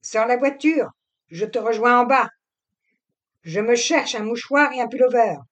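A woman reading an audiobook, voicing a gentle young husband who speaks quietly and measuredly. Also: fairly high pitch, a little slow, voice pushed up. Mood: guarded. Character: young husband, gentle, wary, fond of his cat.

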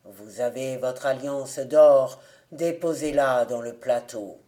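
A woman reads as a grim church beadle, a man who bellows his alms plea in a long, mournful drawl. The voice sits low and crawls, heavy and dark. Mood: harsh. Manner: lamenting, drawn-out bellowing.

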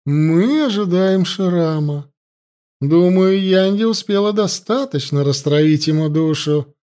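A man playing a cruel high priestess. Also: a little slow, dark tone, smooth. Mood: menacing. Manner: commanding, sneering, harsh. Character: cruel imperious older high priestess, woman. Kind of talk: audiobook character voice.

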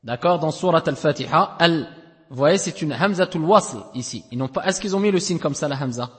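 A man teaching Quran recitation rules, repeating each word slowly and often checking that his students follow. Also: fairly high pitch, lively intonation, a bit bright, long reverb tail. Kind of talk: tajwid lesson explaining rules. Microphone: lo-fi audio recording.

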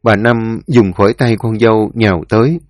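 A man reading a story in a solemn, expressive way. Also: lowish voice, moderate pace, dry recording, clean studio sound. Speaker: narrator. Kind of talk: scripted story narration.

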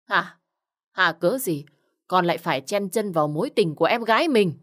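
A woman's voice: lowish voice, expressive, moderate pace, fairly bright tone. A woman voicing a stern older father who scolds his daughters harshly in a spoken story.

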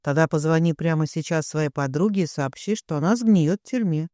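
Cold, domineering father, read by a man; flat commands, high voice. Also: a little fast, no room sound, clean studio sound, natural voice.

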